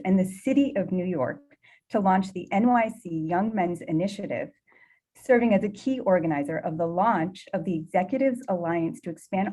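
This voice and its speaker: A woman moderating a video call, reading out a long introduction of the guest speaker. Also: medium pitch. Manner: warm, slightly breathless reading with small laughs.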